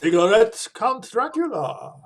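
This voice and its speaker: A man as a slow, high-pitched, probing professor. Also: sing-song, husky, exaggerated voice. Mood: sly, pointed. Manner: measured, probing, emphatic. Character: shrewd, probing professor who hunts vampires. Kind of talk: theatrical radio play acting.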